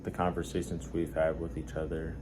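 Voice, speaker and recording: Man, very low voice, flat intonation, stuffed nose, halting casual rambling, noisy warehouse ambience. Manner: halting, hesitant delivery with repeated words and pauses. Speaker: vlogger. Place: warehouse at work.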